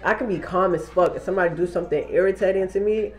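Fast and high-voiced with a darkish tone, a young male vlogger gives a casual update as faint music plays behind him. He holds the camera at arm's length in a small wood-paneled room and keeps it laid-back, with loose slang and plenty of swearing.

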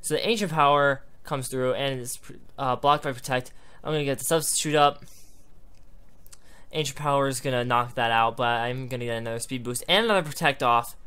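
A man's voice: mid-range voice, a little fast, sharp tone, clear, resonant tone. A man doing live commentary on an online game battle, thinking aloud in a rambling way and hiccuping now and then. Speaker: gaming YouTuber.

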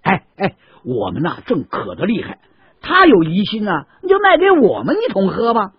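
Guy doing sneaky friendly date sellers, husky coaxing voice, dull dry audio. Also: high-pitched, huge pitch swings, moderate pace, no echo, voice pushed up, exaggerated voice. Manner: coaxing, wheedling. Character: sly friendly male date traders, a group.

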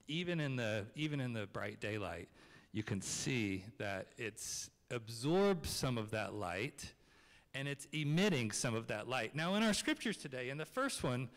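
A man's voice: mid-range voice, fairly bright tone. A man in his thirties giving a children's message in a large church, talking casually and asking the kids questions, into a handheld microphone. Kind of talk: children's sermon. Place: large church sanctuary, seated on chancel steps. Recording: long reverb of a church hall.

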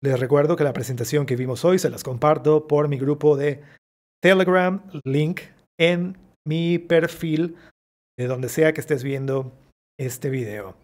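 A man with a Mexican Spanish accent, an English teacher giving a vocabulary lesson and repeating each English word slowly to model its pronunciation. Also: medium pitch, a little mellow.

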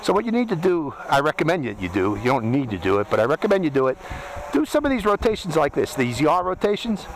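In a sing-song, slightly high voice at a quick pace, a Pittsburgh-accented middle-aged man gives a casual, chatty, step-by-step product review outdoors. He's a drone reviewer and channel host, out in a windy desert canyon. The poor, noisy sound is from a hat camera he's wearing.

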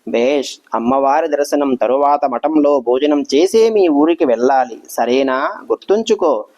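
A man's voice: medium pitch, measured pace, a little mellow, dull audio, lightly acted. A man voicing a revered elderly male sage who speaks with kindly authority. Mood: benevolent. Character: revered old male sage, gentle yet commanding.

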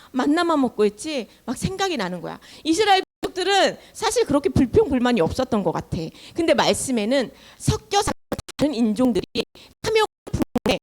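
A woman giving a Sunday sermon to children, telling the story in a lively way, acting out the people's voices and asking the children questions. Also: sits high. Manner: animated, acts out voices, asks the children questions. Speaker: children's ministry teacher.

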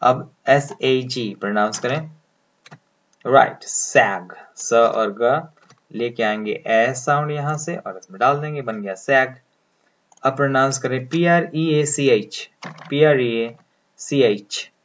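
A man's voice: medium pitch, slow, fairly bright tone, dull audio. A man giving a phonetics lesson, patiently explaining each word step by step and asking the listener to repeat after him. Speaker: English pronunciation teacher. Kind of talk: phonetics lesson with transcription drills.

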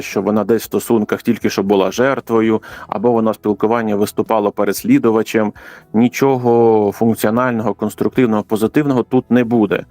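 A man with a Ukrainian accent, a guest analyst answering radio interview questions in a measured, explanatory way. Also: lowish voice, a little mellow, no room sound. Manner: measured, explanatory, occasional hesitations.

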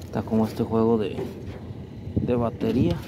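A man's voice: lowish voice, moderate pace. A man, casually narrating to his viewers as he picks through curbside trash outdoors on a body-worn camera. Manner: chatty, keeps addressing viewers as "mi gente". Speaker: vlogger. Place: outdoors on a residential street. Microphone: chest-mounted action camera. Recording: loud outdoor street noise.

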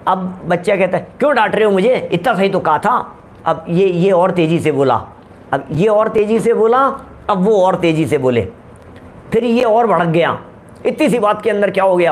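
High-voiced man giving a sermon. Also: a little hiss or hum. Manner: storytelling with everyday examples, asks rhetorical questions. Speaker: religious preacher. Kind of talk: Hindi religious discourse.

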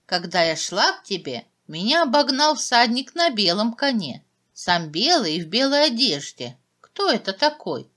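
Woman playing a meek young maiden, lilting pitch. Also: very animated, normal speed, fairly bright tone. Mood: meek, curious. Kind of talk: fairy tale storytelling.

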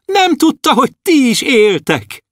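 A man voicing a tiny, cheerful male gnome in an audiobook, calling out in a thin, high, excited voice. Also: dry recording, studio quality, heavily acted. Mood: excited, wondering. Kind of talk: audiobook character voice.

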